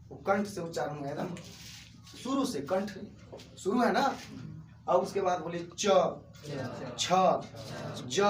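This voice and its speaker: A man with a Bihari accent teaching a grammar lesson in a classroom, asking the class questions and answering them himself. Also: high voice. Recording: echoey room, far from mic, faint noise.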